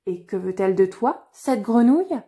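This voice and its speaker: A woman reading the lines of a kindly but firm old king, a father, in a fairy tale, in a gentle, measured way. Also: medium pitch, expressive, natural voice. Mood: concerned. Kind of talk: storybook reading.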